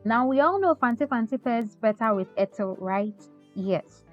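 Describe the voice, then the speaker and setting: A woman's voice: fairly high pitch, animated, moderate pace. Chatty woman teaching a recipe. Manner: chatty, often ends with "okay?". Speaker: cooking channel host. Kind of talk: cooking tutorial voice-over. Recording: slightly dull sound with faint music.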